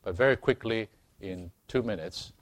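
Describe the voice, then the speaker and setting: A man preaching a sermon to a congregation, earnest and unhurried, growing emphatic as he reads and explains scripture. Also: lowish voice. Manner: slow, earnest, calls for amens, rising to emphatic preaching.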